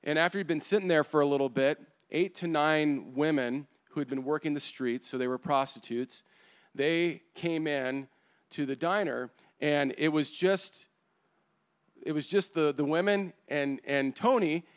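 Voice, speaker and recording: A man preaching a sermon, telling a story in an animated way with many fillers. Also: fairly high pitch, unhurried, smooth. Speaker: pastor. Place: church service.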